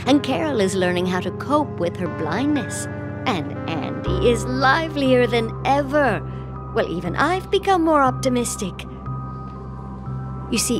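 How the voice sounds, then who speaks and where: Sweet old granny in a game, slow and thoughtful, music behind. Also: female voice, fairly high pitch. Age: older. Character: kind old woman who cannot walk, gentle and hopeful. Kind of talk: video game voice acting.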